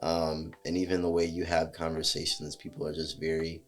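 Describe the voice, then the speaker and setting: A man's voice: extremely low pitch, monotone, brisk. A man from New Jersey hosting a casual conversation in a friendly way, with plenty of fillers. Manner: friendly, fillers, talks it through. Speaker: podcast host. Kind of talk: casual chat.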